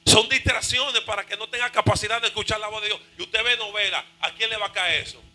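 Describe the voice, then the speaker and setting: A male pastor preaching a fervent sermon, shouting and half-singing his phrases. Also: high-pitched, steady tone, fast talker, rough recording.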